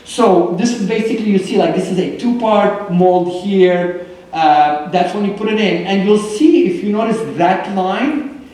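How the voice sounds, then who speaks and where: A man's voice: sits high, measured pace, darkish tone. A man giving a casual conference talk about his artwork, chatty and full of fillers and restarts. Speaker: artist presenting at a symposium. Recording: echoey hall from far off.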